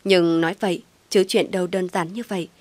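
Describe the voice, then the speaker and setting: A woman's voice: on the low side, steady tone, a little fast, a little mellow, no room sound. A woman narrating a first-person audio story, reading every character's lines in her own voice. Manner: reads all characters' dialogue in her own voice.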